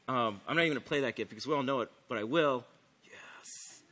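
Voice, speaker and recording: A man's voice: medium pitch, very fast, pushed and bright. A man giving a casual, enthusiastic conference talk on stage, full of "like" and "um". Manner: enthusiastic, filler-heavy, many "like"s. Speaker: conference speaker. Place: conference stage before an audience.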